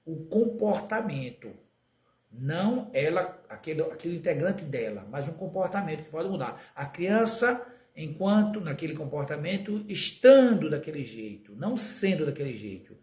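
A man with a fairly high voice gives an earnest spiritist talk on raising children. He often slows down and stretches words for emphasis. The room around him is echoey. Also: big pitch swings, darkish tone. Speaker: spiritist lecturer.

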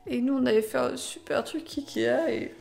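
A woman's voice: high-pitched, moderate pace, gravelly, darkish tone, faint music behind. A young adult woman co-hosting a casual podcast debate, speaking spontaneously, teasing her partner and jumping from one idea to the next. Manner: spontaneous, teasing, jumps between ideas. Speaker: podcast co-host.

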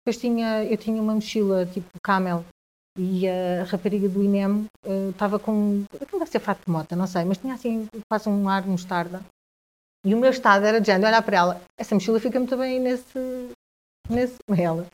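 As a guest in a conversation, a woman shares a personal story in a mid-range, slightly mellow voice with a European Portuguese accent. She speaks haltingly, often restarting and repeating words.

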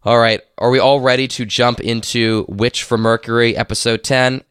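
A man's voice: mid-range voice, flat delivery, moderate pace, a bit bright, clear, resonant tone, no echo, clean studio sound. Stuffy-nosed man hosting a podcast. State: congested, slightly under the weather. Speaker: podcast host. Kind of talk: casual podcast chat and episode recap.

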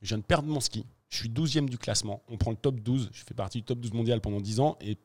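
A man tells a story in a casual interview, rushing through it at a quick clip in loose slang. He switches into other people's voices to play out the scenes, with a mid-range pitch that sits right in the middle. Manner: animated, slangy, acts out scenes. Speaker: professional freeride skier.

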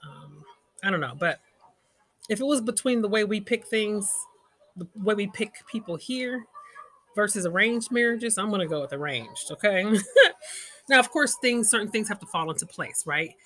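A woman hosting her own podcast in an easy, chatty way. She sounds animated and laughs often. Her voice is a little breathy and husky. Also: medium pitch, normal speed. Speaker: podcast host. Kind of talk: casual solo podcast chat.

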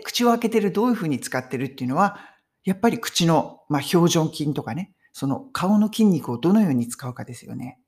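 A middle-aged woman hosting a casual video lesson on speaking English. Her voice sits on the low side, but her pitch swings widely as she leans on key words. She explains in an emphatic, friendly teaching tone. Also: darkish tone. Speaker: English conversation YouTuber. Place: home in London.

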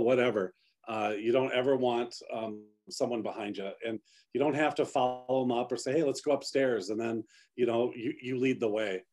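A man, a real estate agent, talking casually on a podcast in a measured way, with short asides. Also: medium pitch, a little mellow.

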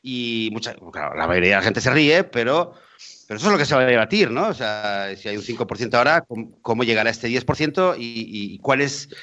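A man hosting a radio show, chatting in a relaxed way with lots of hesitant fillers. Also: medium pitch, brisk. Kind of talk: casual radio chat. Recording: dull lo-fi sound.

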